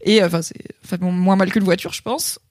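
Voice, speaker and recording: A woman's voice: on the low side, fairly even intonation, quick pace, a little mellow, no room sound, clean studio sound. A woman co-hosting a podcast in casual chat, talking things through thoughtfully and rephrasing as she goes. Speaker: podcast co-host.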